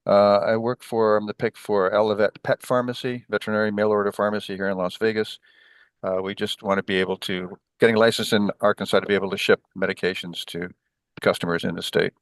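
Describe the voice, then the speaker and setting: A man's voice: lowish voice, little pitch movement, fast, dry recording. A man from Nevada introducing himself as a pharmacist on a video call through a headset, brief and with fillers. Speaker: pharmacist applicant.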